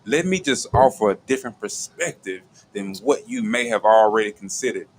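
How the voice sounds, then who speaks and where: Laid-back man hosting, low voice. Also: expressive, moderate pace, a little hiss or hum, poor audio. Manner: laid-back, conversational, often says "you feel what I'm saying". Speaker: show host. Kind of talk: casual radio talk. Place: radio studio.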